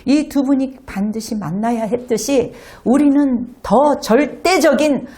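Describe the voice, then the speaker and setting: A woman pastor delivers a lively sermon to her congregation in a church. Her voice sits somewhat high, and she slips into acted children's voices to make her points. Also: measured pace. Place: church sanctuary.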